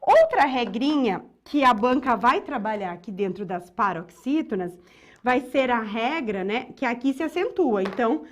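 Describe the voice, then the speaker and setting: A Brazilian woman teaches an exam-prep lesson in a high, bright-toned voice. Her pitch leaps and dips a lot as she walks through each point. She keeps checking in with her listeners as she goes. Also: sing-song, normal speed. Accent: Brazilian Portuguese. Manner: explains step by step with frequent checks like "tá?" and "ó".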